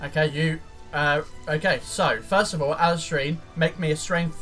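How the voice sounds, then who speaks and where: A man with a bright, slightly high voice runs a tabletop roleplaying game as game master. He narrates haltingly and often rephrases mid-sentence. Light music plays behind him. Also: steady tone.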